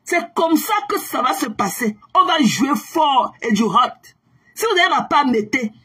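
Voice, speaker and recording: Lady ranting on her live, high voice, mocking her viewers, keeps repeating herself and yelling. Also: expressive, normal speed. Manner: taunting, repeats mocking questions, shouts at times. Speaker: livestreamer. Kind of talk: angry livestream rant at viewers.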